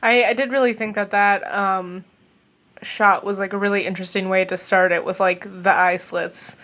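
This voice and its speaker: A woman talks casually as a podcast guest, with a voice of middle pitch. She sounds hesitant and leans on "um" and "like" while she works out her views. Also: fairly even intonation, normal speed, a bit bright. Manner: hesitant, many fillers.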